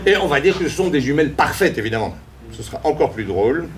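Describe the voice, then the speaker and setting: High-voiced guy hosting improv on stage, bouncy and jokey, gathering audience picks. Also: fast talker. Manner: playful, animated, jokes with the crowd. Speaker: improv performer. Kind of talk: taking audience suggestions on stage. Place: theater stage.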